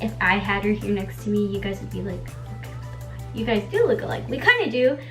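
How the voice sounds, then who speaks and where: Very animated and brisk, with a mid-range voice heard over music, a native Spanish-speaking beauty vlogger in her twenties does her makeup at home. She rambles casually, leaning heavily on "like" and dropping the odd swear word.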